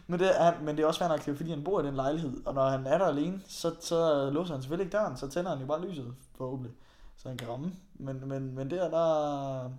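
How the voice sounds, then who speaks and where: A young man chatting casually with a friend, telling travel stories and laughing often. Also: a little high. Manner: laughs often, animated storytelling. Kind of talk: casual chat.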